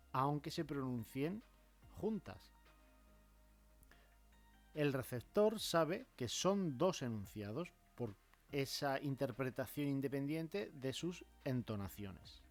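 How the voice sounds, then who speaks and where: Male teacher, measured explainer who acts out examples with marked intonation. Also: medium pitch, a little mellow. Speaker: language teacher. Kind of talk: explanatory grammar lesson.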